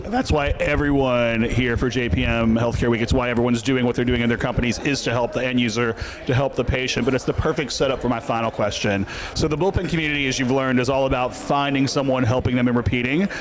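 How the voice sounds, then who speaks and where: A man's voice: mid-range voice, fairly even intonation, quick pace, few pauses. A man hosting a conference interview, friendly and jokey in his small talk. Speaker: interviewer, host. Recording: outdoor recording with crowd noise. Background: crowd chatter.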